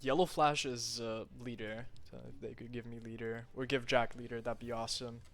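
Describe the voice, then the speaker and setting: A man casting a live online game tournament, calling the action quickly with lots of fillers and casual swearing, then chatting loosely with the stream chat between matches. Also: medium pitch, soft background music. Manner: rapid, excitable calls with frequent fillers and casual swearing. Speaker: esports tournament caster. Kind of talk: live play-by-play game commentary.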